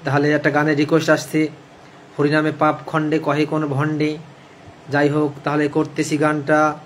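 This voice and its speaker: A man who sings devotional hymns slowly and breaks off to explain them casually to listeners. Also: on the high side, monotone, slight background noise. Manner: chants slowly, then explains casually to viewers. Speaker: devotional singer and reader. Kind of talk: sung hymn recitation with spoken commentary.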